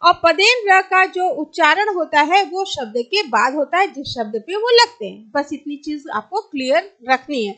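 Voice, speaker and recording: A woman teaching an exam-prep grammar lesson, patiently repeating each word slowly and asking and answering her own questions. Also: extremely high pitch, animated, a bit bright.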